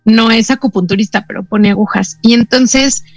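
A woman with a Mexican Spanish accent hosting a radio talk show, telling anecdotes in a lively way with quick asides. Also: fairly high pitch, no echo, soft background music. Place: radio studio.

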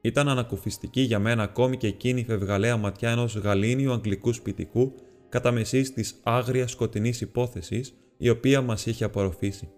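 A man narrating an audiobook in a steady, measured storytelling manner. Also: medium pitch, long reverb tail, soft background music. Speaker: audiobook reader.

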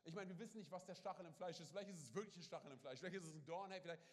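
A man preaching with a slightly high voice, full of energy and quick asides to the congregation. His voice rings out through a church hall with a long reverb trailing off every phrase. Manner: lively, punctuates with "hey", "come on" and "oder?"; acts out little quoted scenes. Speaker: pastor. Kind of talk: sermon. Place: church service.

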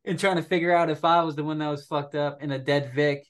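A young man, a military veteran, telling a story on a podcast in a profane, animated way, laughing as he goes. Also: a little high, fast, smooth. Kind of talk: casual storytelling.

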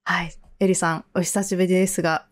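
A woman's voice: on the low side, level tone, quick pace. A woman yoga teacher hosting a podcast, chatty and friendly with light fillers.

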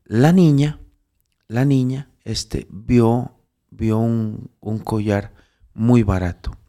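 Gravelly-voiced man preaching through a story. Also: lowish voice, very slow, dark tone. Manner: many restarts, building to emphatic raised preaching. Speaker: devout storyteller giving spiritual counsel. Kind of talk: casual preaching talk.

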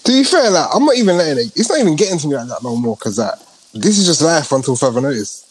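A man's voice: on the high side, very animated, quick pace, over a noisy crowd. A young man with a London roadman accent, chatting and joking in slang with his friends. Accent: London, urban roadman slang. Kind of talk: casual group banter.

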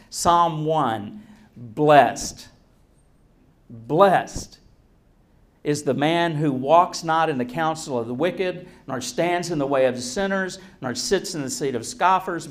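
Male preacher, slightly high-pitched and slow, folksy and joking, leaning on key phrases with deliberate pauses. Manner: folksy, joking, self-deprecating. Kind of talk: sermon to a congregation.

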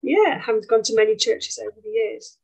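A woman's voice: on the high side, lively intonation, a little fast, creaky, a little mellow. A woman with an Essex accent from England, chatting about her life as an interview guest. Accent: Essex English. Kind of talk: conversational life story.

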